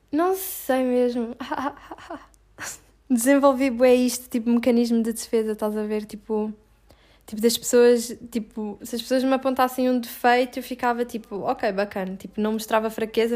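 A woman speaks in a slightly high voice. Her answers are frank and direct, and she leans on filler words constantly as she talks her way through casual interview questions. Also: darkish tone.

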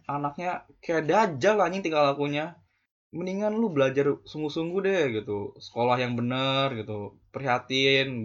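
Young guy w lecturing, swears a lot, kinda muffled lo-fi audio. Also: mid-range voice. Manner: preachy, scolding, heavy slang and swearing. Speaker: vlogger. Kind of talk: ranting monologue.

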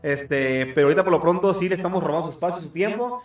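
Host, male; high, excitable, reads live comments with laughter. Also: fast talker, reverberant, soft background music. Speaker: host of a church online program. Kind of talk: casual chat, reading live comments.

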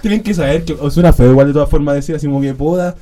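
A man's voice: on the high side, mellow, a little hiss or hum. A young man with a Chilean accent, joking and teasing in casual podcast banter. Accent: Chilean Spanish. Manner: joking, teasing, quick interjections. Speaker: podcast co-host.

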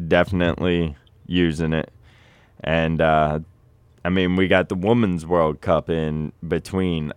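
Slow deep-voiced male host. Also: clear, resonant tone, no echo. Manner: relaxed, rambling, trails off and restarts. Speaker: show host. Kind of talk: casual sports chat.

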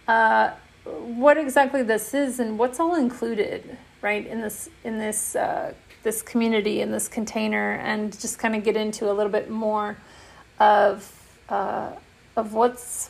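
A woman who founded an online community, talking casually and softly about it, with frequent fillers and restarts. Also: a little high, little pitch movement, a little slow, creaky. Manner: soft, meandering, many fillers and restarts. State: has the hiccups. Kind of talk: casual spoken promo talk.

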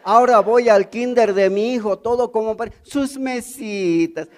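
A middle-aged man with a Bolivian Spanish accent, telling stand-up stories and acting out characters in an animated way. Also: high-pitched, unhurried, background noise. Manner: animated, acts out characters, stammering gags. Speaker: comedian. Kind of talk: stand-up storytelling.

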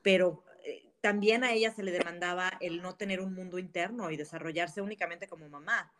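A woman is a guest in a casual interview. She tells her stories candidly and in an animated way. She laughs often while she talks. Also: lowish voice, fairly quick.

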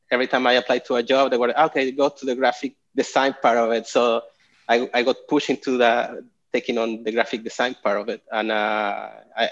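A man in his forties from Chile, a guest artist talking casually in an interview over a video call, halting with many fillers and restarts. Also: medium pitch. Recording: dull lo-fi call audio.

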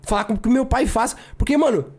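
Young male co-host, quick and slangy, a casual storyteller. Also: very high voice. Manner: slangy, animated, repeats filler words. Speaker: podcast co-host.

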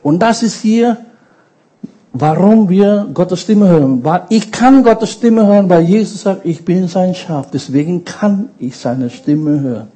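A man preaching a sermon, slow and emphatic, often asking the congregation questions. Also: high voice, lively intonation, warm tone, husky, rough recording.

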